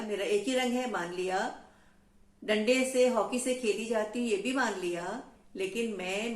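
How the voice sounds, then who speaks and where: A woman's voice: a little high, natural voice. A woman playing a small, proud hockey ball. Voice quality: indignant, defiant. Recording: echoey room.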